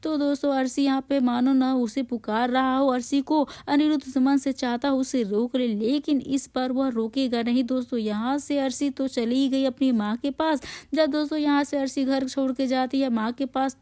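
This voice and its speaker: Chatty woman narrator with a high, soft-toned voice, recapping to viewers in a dry room. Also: no echo. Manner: chatty, addresses viewers as friends, loose restarts. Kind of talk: casual spoken recap to viewers.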